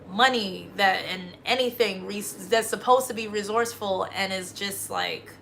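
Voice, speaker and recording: A woman talking on a livestream in a loose, rambling monologue that keeps breaking into profane, emphatic bursts. Her voice is bright and forward, with a sharp, ringing edge. Her pitch sits in an ordinary middle range. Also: slight background noise. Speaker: livestream host. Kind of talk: casual spiritual monologue.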